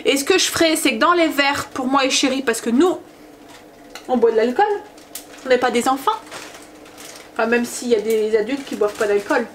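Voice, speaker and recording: A high-pitched woman talks casually to the camera as a family vlogger and mum. She rambles and hesitates as she goes, set in a home kitchen with a faint hiss behind her. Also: normal speed, pauses often, a bit bright. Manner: rambling, chatty, full of hesitations.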